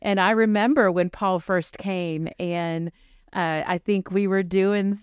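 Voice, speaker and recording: A middle-aged woman who runs a pregnancy medical center, telling stories in an animated, chatty way. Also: medium pitch, slow pace, clean tone, no room sound, highs cut off. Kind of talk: casual chat.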